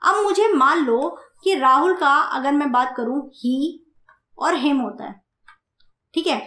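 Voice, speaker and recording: A woman teaching German grammar in Hindi, speaking slowly, repeating points and asking her students questions. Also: high-pitched, sharp tone, roomy sound. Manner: slow, repeats and asks the class questions. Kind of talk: grammar lesson explained in Hindi.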